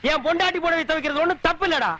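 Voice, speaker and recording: An actor playing a sharp-tongued man who mocks and scolds loudly in comedic film dialogue. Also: extremely high pitch, racing, noisy background. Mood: sarcastic. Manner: loud, sarcastic scolding. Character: sharp-tongued mocking man, quick to insult. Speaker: comic film character.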